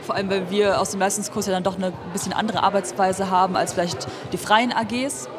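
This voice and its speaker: A woman's voice: mid-range voice, steady tone, fairly quick. A young woman answering interview questions casually, hesitant with many fillers. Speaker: festival participant. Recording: crowd chatter at a busy event.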